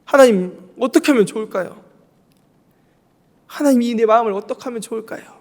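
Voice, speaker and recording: A man's voice: extremely high pitch, a little fast, in a large hall, voice pushed up. A pastor voicing a jealous, angry young man who pours out his rage to God, agitated and pleading. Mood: upset pleading. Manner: agitated, pouring out feelings.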